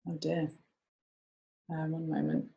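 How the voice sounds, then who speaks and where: Woman, low voice, choppy internet call dropping out, tentative, apologetic. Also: completely flat delivery, takes it slowly, creaky, dark tone, lo-fi sound. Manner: tentative, apologetic, rephrasing her question. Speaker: co-host asking questions. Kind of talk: interview question on a video call. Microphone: video call.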